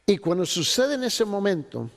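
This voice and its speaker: A man's voice: sits high, sing-song, moderate pace, creaky, a bit bright. A man teaching a theology class to pastors, telling a story with acted-out dialogue and slipping in English words. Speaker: theology instructor. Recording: long hall reverb.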